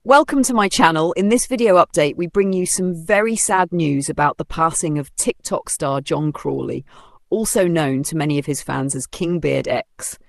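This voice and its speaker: Dry, gravelly scripted news narrator. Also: medium pitch, normal speed, no room sound. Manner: even, formal read, sombre tone.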